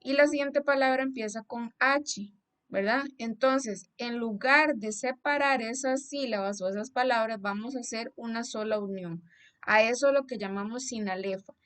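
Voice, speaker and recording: A woman's voice: fairly high pitch, moderate pace, fairly bright tone. A young woman teacher with a Costa Rican accent who explains a lesson slide patiently and keeps checking that her students follow. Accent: Costa Rican Spanish. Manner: patient, explanatory, asks "¿verdad?" to check understanding.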